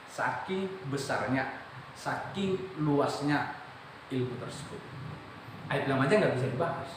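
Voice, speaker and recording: A man's voice: mid-range voice, noisy background. Echoey Indonesian man teaching Quran reading. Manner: explains slowly, often checks understanding, stretches out recited syllables. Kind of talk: classroom lesson. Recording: very echoey room from far off.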